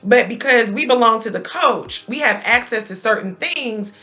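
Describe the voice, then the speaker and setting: A woman's voice: fairly high pitch, animated, normal speed, sharp tone. A woman in her thirties talking earnestly about faith and telling her own story as a guest on a talk show. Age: 30s.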